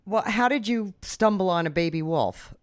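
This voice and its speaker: A woman's voice: medium pitch, lively intonation, moderate pace, no room sound, clean studio sound. A woman interviewer who asks curious, probing questions. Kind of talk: casual interview.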